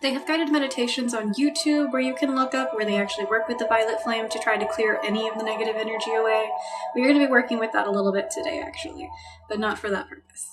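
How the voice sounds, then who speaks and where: A woman hosts a reiki healing live stream, talking to her viewers in a gentle, soothing, casual way. Her voice sits a bit high and comes from slightly off the microphone. Clear background music plays steadily under her words. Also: steady tone, quick pace, far from the mic. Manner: soft-spoken, thanks viewers by name, gentle and soothing. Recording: music playing behind, voice a bit off-mic.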